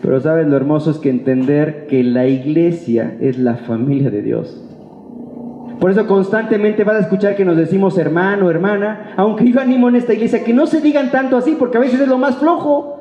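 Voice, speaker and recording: Speaking fairly quickly in a high-pitched voice, a Mexican-accented pastor gives an informal sermon to his congregation. Playful and colloquial, he asks rhetorical questions and acts out imagined remarks. The sound is dull, with the long reverb and echo of a reverberant church hall.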